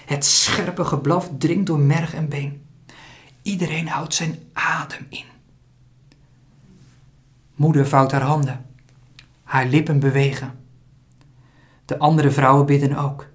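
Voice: medium pitch, steady tone, slow, long pauses. Een verteller die kalm en gelijkmatig een uitgeschreven kinderverhaal voorleest. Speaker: narrator. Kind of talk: scripted storybook narration.

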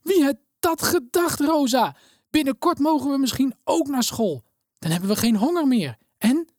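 A woman's voice: fairly high pitch, animated, moderate pace, darkish tone, no echo, studio quality, voice pushed up. A woman voicing an eager, timid young girl who stammers and pleads hopefully. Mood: overjoyed.

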